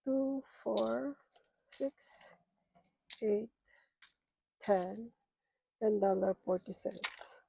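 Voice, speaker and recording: A woman's voice: medium pitch, very slow, vocal fry, pauses often, warm tone, a little hiss or hum, rough recording. A middle-aged woman who is sick, vlogging about her budget and murmuring as she counts cash aloud, half to herself. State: sick, rough voice. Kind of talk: casual counting-along vlog.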